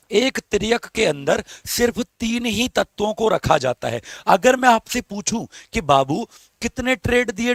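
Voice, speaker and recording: A man's voice: high voice, no echo, clean studio sound. A male teacher, giving a live exam-prep lesson, coaxing students for answers and talking through a strained throat. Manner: coaxing, calls students beta and babu, asks for comments.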